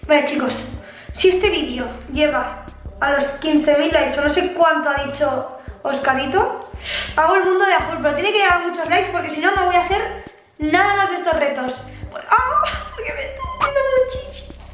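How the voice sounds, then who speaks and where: A young vlogger from Spain talks to camera in a chatty, exclamatory way with a bright, high voice. Her voice rings around a very echoey room while faint music plays underneath. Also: moderate pace. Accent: Spain Spanish. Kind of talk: casual chat to camera.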